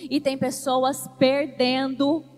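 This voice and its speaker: A woman pastor with a Brazilian Portuguese accent preaching fervently, moving between hushed storytelling and loud declarations. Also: high voice, little pitch movement, slow pace, big-room sound, soft background music. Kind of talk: sermon. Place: church.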